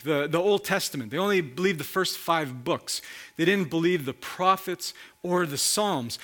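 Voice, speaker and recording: A man preaching a sermon, slowly explaining a Bible passage and posing rhetorical questions. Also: high voice, a bit bright. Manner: slow, reflective Bible teaching with rhetorical questions.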